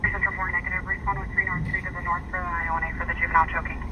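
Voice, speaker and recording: A man's voice: high-pitched, flat delivery, very fast. A man working as a police dispatcher, heard over a scanner radio and speaking in clipped radio codes. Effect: police scanner radio transmission. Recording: distant lo-fi scanner radio with heavy noise.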